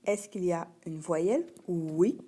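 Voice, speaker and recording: A woman gives a reading lesson to a young child. She talks very slowly and patiently, in a lowish voice, spelling out each sound. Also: animated, warm tone. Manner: slow, clear, sounding out letters and syllables. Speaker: primary school teacher.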